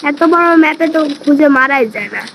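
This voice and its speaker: A woman giving chatty, excitable gameplay commentary and talking to her viewers. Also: sits high, fast, creaky, highs cut off. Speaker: gaming streamer. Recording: noisy background hiss.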